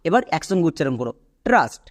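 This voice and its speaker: A man with a Bengali accent teaching English pronunciation, spelling out letters slowly and repeating each rule to his students. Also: fairly high pitch, very animated. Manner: slow, deliberate spelling out of letters and sounds; addresses students directly, repeats rules. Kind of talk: spoken lesson.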